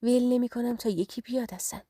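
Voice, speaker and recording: A woman's voice: a little high, steady tone, mellow, no echo, studio quality, lightly acted. Woman voicing a lovesick young man. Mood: insistent. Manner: tender, pleading.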